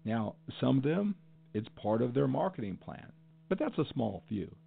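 A middle-aged man hosts a solo podcast, speaking with earnest conviction and stacking repeated phrases for emphasis. His voice has a gravelly edge at mid pitch. The audio is thin and tinny, like a phone line. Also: big pitch swings, moderate pace. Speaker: podcast host. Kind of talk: passionate solo podcast monologue.

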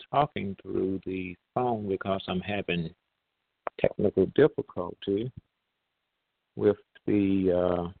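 Guy on a phone line hosting his talk show, lowish voice, slow with lots of uh's, tinny and dry. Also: creaky, no room sound. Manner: measured, pausing, with many fillers. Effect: heard over a phone line. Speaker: online radio host.

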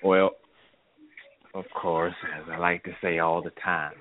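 A podcast co-host chats casually in a laid-back way, his deep voice moving little in pitch at a measured pace, though he often stammers. The recording sounds tinny, like a phone line, with faint noise.

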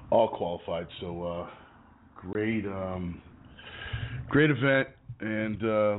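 A man with a rough, gravelly, hoarse voice hosting casual sports talk radio in an informal, rambling way. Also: low voice. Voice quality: rough, gravelly voice from sore throat. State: hoarse, getting over strep throat. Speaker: radio show host. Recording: muffled, band-limited internet radio audio.

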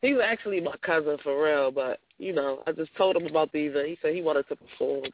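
A man who is sick and congested talks in a relaxed, slangy way and laughs often. His voice is pitched a bit high and comes through a tinny, phone-like line. It sounds muffled, as if he were underwater. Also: quick pace. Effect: muffled, underwater-sounding call audio. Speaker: call-in co-host and performer. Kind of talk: casual chat.

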